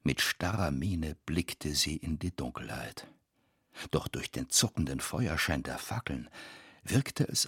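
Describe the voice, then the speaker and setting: Male audiobook narrator, very deep and slow, husky, suspenseful measured reading. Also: fairly bright tone, dry recording, studio quality.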